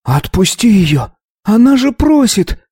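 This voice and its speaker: A man voicing a scrawny bespectacled eighteen-year-old boy who hurls shrill taunts. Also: very animated, slow pace, a little mellow, slightly rough, no echo, clean studio sound, heavily acted. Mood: indignant. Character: scrawny bespectacled teenage boy, jeering and provocative.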